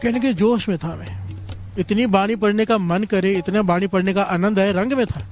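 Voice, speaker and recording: Male preacher, high-pitched, devotional storytelling sermon with call-and-response over faint background music. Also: fairly even intonation, moderate pace. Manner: leads call-and-response with the congregation. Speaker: Sikh preacher.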